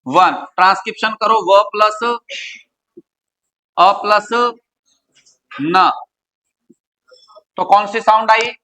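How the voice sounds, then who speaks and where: Male grammar teacher from India, high bright voice, keeps quizzing the class. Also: slow pace, pauses often, poor audio. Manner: quizzing students with repeated questions. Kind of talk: classroom lecture.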